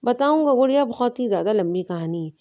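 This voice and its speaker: A woman voicing a caring young man speaking gently to his younger sister. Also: fairly high pitch, expressive, muffled recording, natural voice. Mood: tender. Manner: tender, affectionate.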